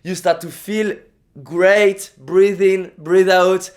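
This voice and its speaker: A young man from France gives a motivational vlog talk with strong emphasis, repeating himself and restarting often. A native French speaker with a French accent, he talks at a slow pace in a high, steady voice.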